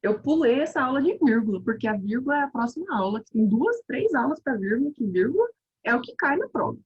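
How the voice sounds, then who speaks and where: A woman teacher with a Brazilian Portuguese accent, giving a quick, informal grammar review with lots of self-interruptions. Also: high voice, sing-song, slightly rough, lo-fi sound. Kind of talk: online grammar review lesson.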